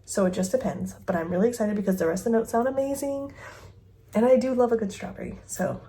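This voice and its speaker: This woman, in her thirties, has a fairly high, mellow voice and talks quickly. She casually reviews fragrances at home, thinking aloud with giggles and using a phone mic, in a bedroom with a dresser.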